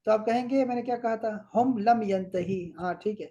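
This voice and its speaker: Brief: Pakistani man, Arabic teacher checking homework, repeats words slowly. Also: sits high, dark tone, dull audio, a little hiss or hum. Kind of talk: correcting homework in class.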